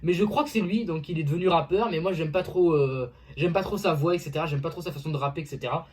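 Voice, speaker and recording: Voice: mid-range voice, fast, a little mellow. A music reviewer in a casual vlog, talking hesitantly with many fillers and restarts and often saying "voilà".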